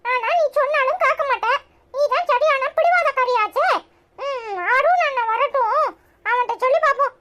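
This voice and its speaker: A woman's voice: normal speed, fairly bright tone. Woman as small cartoon boy: Tirunelveli accent, piping voice, chatty, cheeky, caring. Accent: Tirunelveli Tamil. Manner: chirpy, high-pitched childish chatter.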